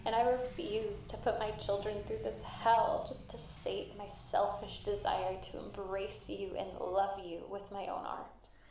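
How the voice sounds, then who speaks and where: An ailing matriarch in a video game, stern yet motherly and tender. Her solemn voice is creaky and unhurried. It echoes through a crackling intercom speaker with static. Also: mid-range voice, flat delivery. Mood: tender, sorrowful. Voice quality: warm, tender. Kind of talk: dramatic video game voice acting. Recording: echoing, staticky intercom sound.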